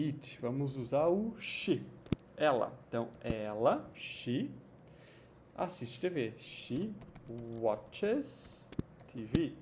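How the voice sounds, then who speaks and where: Teaching English grammar in Portuguese, this man sounds mellow, patient and lively in pitch. He stretches his example sentences out slowly and peppers his explanations with "tá?" and "né?" checks, while faint noise sits in the background.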